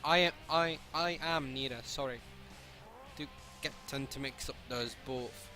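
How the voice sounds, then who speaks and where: A man's voice: mid-range voice, unhurried, music in the background. A man from continental Europe outside the British Isles, commenting on a game while joking, swearing and answering chat in a live stream. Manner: excitable, joking, swearing freely.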